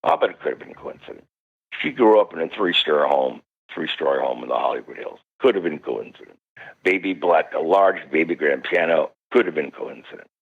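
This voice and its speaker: A man's voice: a little fast, breathy edge. An older man, a parapsychologist, telling a story on a radio interview and acting out the voices of the people in it. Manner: acts out quoted voices, swoops high when excited. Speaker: parapsychologist guest. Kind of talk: animated storytelling. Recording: dull lo-fi radio interview audio.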